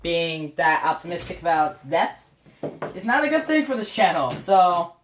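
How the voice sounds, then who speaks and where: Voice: mid-range voice, sing-song, moderate pace, slight background noise. A casual vlogger rambling through a computer desk setup, filmed on a phone in a small room. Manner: rambling, chatty, trails off mid-sentence. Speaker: channel host. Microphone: phone camera.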